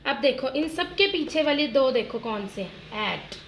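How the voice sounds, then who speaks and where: A woman teacher walks small children through rhyming words, stretching each one out slowly and having them repeat after her. Her voice sits high and bright. It rings in an echoey room. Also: lively intonation, slight background noise. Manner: slow, drawn-out word drills addressed to children as "beta". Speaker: primary school teacher. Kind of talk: online phonics lesson for young children.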